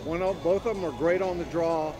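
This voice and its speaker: A man's voice: a little high, brisk, music in the background. A man interviewing athletes after a game, asking enthusiastic, leading questions packed with stats. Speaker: sports interviewer.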